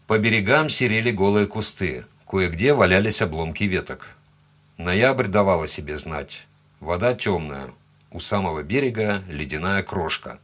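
A man's voice: sits low, a bit bright. A man narrating a first-person story as an audiobook, telling it expressively and giving the quoted lines their own tone.

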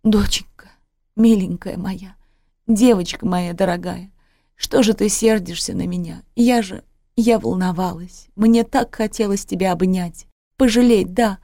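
A woman's voice: deep voice, measured pace, vocal fry, warm tone, husky, dry recording, studio quality, full character voice. A woman reading a story, voicing a weary middle-aged mother who pleads with her daughter through tears. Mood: tearful pleading. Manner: pleading, tearful.

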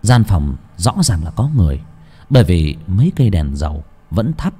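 Audiobook reader: man, lively intonation, mellow tone, long hall reverb. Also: sits low, moderate pace, husky. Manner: expressive storytelling. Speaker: narrator. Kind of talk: audiobook narration.

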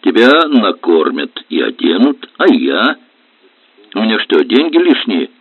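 A man voicing a gruff, grumbling middle-aged helmsman with rough, mocking speech, read for a storybook. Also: on the low side, big pitch swings, unhurried, dry recording, pitched above the performer's own voice, exaggerated voice. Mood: resentful. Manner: sullen, mocking, rough colloquial. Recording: tinny dry lo-fi audio.

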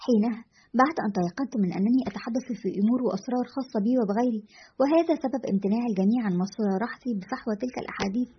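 A woman narrates a scripted story in a brisk, even manner. Her voice is slightly high and husky, and she reads at a very fast clip through a dull, lo-fi recording.

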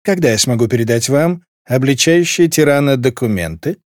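A man's voice: mid-range voice, lively intonation, normal speed, no room sound, studio quality, lightly acted. A man voicing a pompous, fawning male courtier in an audiobook. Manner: pompous, declamatory.

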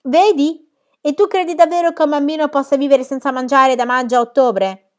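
A woman voicing a bold, cheeky young girl who tells tall tales, loud and teasing. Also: low voice, steady tone, normal speed.

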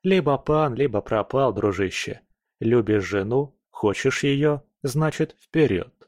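A man's voice: medium pitch, expressive, slow, a little mellow, dry recording, studio quality. A man narrating a first-person audiobook in a wry, blunt manner.

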